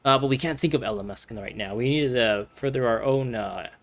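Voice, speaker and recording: Very deep-voiced woman streamer. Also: a little fast. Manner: chatty, filler-heavy, reacts out loud. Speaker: gameplay commentator. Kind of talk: casual playthrough commentary.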